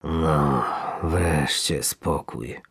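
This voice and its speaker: Man doing a slow contented angler. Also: sits low, very animated, creaky, dry recording, studio quality, full character voice. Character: cheerful young male angler, relaxed and gleeful.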